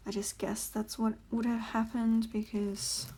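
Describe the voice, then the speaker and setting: A young woman talks through her week in a relaxed, rambling way, full of ums and likes, her voice sitting a touch high. Now and then she slips into a whisper as she works. Faint noise hums under the recording. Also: measured pace. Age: young adult. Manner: rambling, chatty, many fillers, drops to whispers while working. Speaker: planner vlogger. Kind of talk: casual plan-with-me chat.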